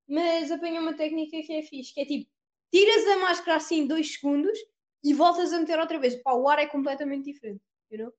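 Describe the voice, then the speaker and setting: A woman's voice: high voice, fast talker. A teenage girl from Portugal with a European Portuguese accent, chatting casually with a friend and dropping in English fillers. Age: teens. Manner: relaxed, mixes in English fillers. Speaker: student. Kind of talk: casual chat.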